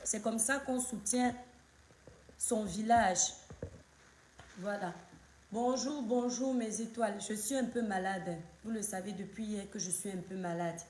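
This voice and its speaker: A woman from Cameroon, hoarse from a cold, hosting a casual live stream and greeting viewers by name over and over. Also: mid-range voice, unhurried, a little mellow, reverberant, slight background noise.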